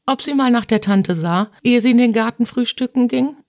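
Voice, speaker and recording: A woman narrating a classic novel as an audiobook reader, lifting her voice for shrill outbursts in the dialogue. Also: normal speed, darkish tone, no room sound, clean studio sound. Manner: acts out dialogue with raised pitch for shrill outbursts.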